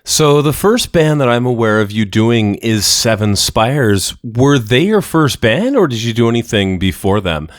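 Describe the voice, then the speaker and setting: A man's voice: medium pitch, sing-song, unhurried, few pauses, no room sound, studio quality. A Canadian man hosting a casual music interview in a chatty, affable and agreeable way.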